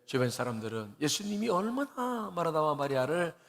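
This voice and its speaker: A male pastor preaches in a sanctuary whose long reverb trails after every phrase. His voice sits a little high for a man, and his talk is earnest and conversational. Gentle self-mocking laughs come through as he tells stories. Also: big pitch swings, brisk. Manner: earnest and conversational, with rising emotional emphasis; laughs at himself while telling stories. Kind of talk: sermon. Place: church sanctuary.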